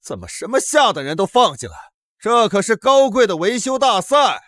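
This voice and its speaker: A haughty young heir in a motion comic, his voice pitched very high for a man and swinging wildly as he sneers. He barks scornful insults in a dry, close studio sound. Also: very animated, normal speed, a bit bright, no echo. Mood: sneering. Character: arrogant young male rich contestant, sneering. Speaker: repair contest rival.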